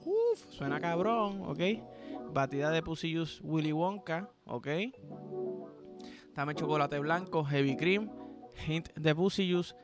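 Raunchy Puerto Rican man with a raised pitch. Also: lively intonation, takes it slowly, music in the background. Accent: Puerto Rican Spanish. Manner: crude, playful, rambling storytelling with slang. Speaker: podcast host. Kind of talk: raunchy comedic monologue.

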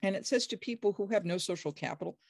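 A biblical scholar, middle-aged or older, talking with enthusiasm and emphasis and breaking into high, acted quotes. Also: animated, quick pace, creaky, dry recording, studio quality. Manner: acts out quoted speech with sudden high pitch jumps; emphatic, enthusiastic, frequent restarts. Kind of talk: animated explanatory conversation.

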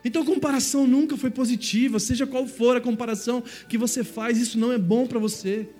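A man from Brazil preaching a sermon as pastor, conversational and animated, with lots of playful mimicry. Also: extremely high pitch, fast talker, soft background music. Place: church stage.

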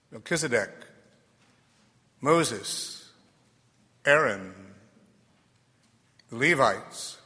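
A male preacher delivers a homily in a cathedral echo with long reverb. His voice is bright and forceful, at a middle pitch. He speaks very slowly, in short oratorical phrases. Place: large reverberant church.

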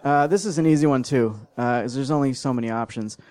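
A man's voice: mid-range voice, fast talker, darkish tone. A man hosting a live comedy debate show, joking and teasing the contestants and audience.

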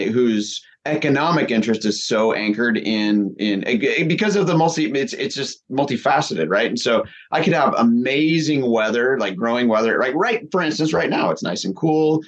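A man's voice: medium pitch, muffled recording. A man hosting a casual interview, talking with playful enthusiasm and lots of restarts. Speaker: podcast host.

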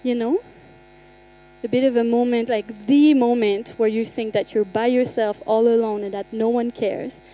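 A young adult woman pastor telling a personal testimony in a sermon, acting out the conversations with animated storytelling. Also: on the high side, normal speed, soft background music, poor audio. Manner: animated storytelling, acts out dialogue. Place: church.

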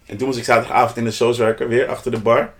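A man's voice: mid-range voice, racing. Geanimeerde man die losjes verhalen vertelt. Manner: animated, slangy, mixes in English phrases and sound effects. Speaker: podcast co-host. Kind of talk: casual storytelling chat.

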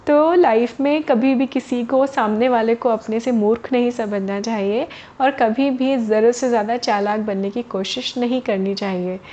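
A woman's voice: fairly high pitch, normal speed, hardly any pauses, dark tone. A woman storyteller narrating a moral tale to children in a chatty manner, speaking directly to the young listeners. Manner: chatty, addresses listeners as kids. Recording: dull lo-fi recording.

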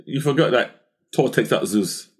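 A man with a husky voice in casual film chat, stammering on repeated words and teasing. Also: medium pitch, lively intonation, normal speed. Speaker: podcast co-host. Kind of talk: casual movie discussion.

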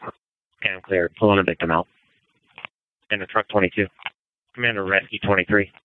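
Deep fast-talking male incident commander on radio. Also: fairly even intonation, a little hiss or hum. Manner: businesslike, directive. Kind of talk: fireground radio dispatching. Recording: narrow, phone-like radio audio.

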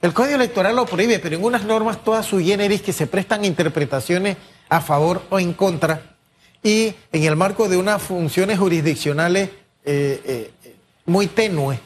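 Panamanian man, interview guest, legal expert, slightly high voice, formal and measured, faint hiss. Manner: measured, formal explanations with hesitations. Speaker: guest, former electoral prosecutor. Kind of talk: news interview.

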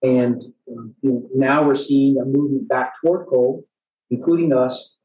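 A man giving an off-the-cuff presentation in front of an audience as a utility executive, halting and often repeating words as he goes. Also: mid-range voice, narrow, tinny audio. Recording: echoey room with faint background noise.

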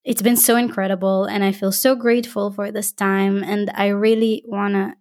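A podcast host with an Israeli accent wraps up an interview warmly, effusively thanking and encouraging her guest before reading her scripted outro. Her mid-range voice is a little mellow, with little pitch movement, at normal speed.

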